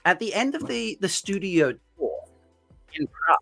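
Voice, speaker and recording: A man's voice: high-pitched, sing-song, normal speed, vocal fry, pushed and bright, faint music behind. A man telling a rambling story on a call, his volume dropping in and out as his mic cuts out and goes muffled. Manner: rambling, with filler words and restarts. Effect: mic cutting out, volume dropping and muffled. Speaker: fan podcast co-host. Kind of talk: casual storytelling chat. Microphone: remote call mic.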